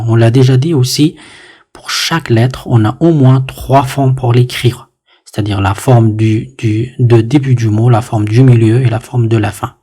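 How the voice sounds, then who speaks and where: A man teaching letters and vowels in a patient, step-by-step lesson, slowly repeating each sound and often saying "très bien". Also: mid-range voice, dark tone, husky. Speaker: Arabic teacher.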